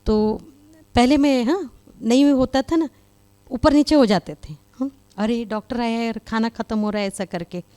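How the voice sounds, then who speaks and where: A woman's voice: fairly high pitch, moderate pace, dark tone, clean tone. A woman spiritual speaker giving a conversational talk to a live audience, with many fillers. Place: meditation hall with live audience.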